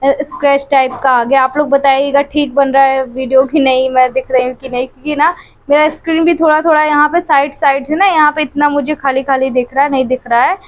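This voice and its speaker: A woman with a high voice pours out her troubles to her viewers in a heartfelt, emotional way. She is filming herself at home on a phone camera held close. The audio is dull and lo-fi. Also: steady tone, brisk. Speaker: family vlogger. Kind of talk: tearful personal confiding to viewers. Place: at home, by the bed.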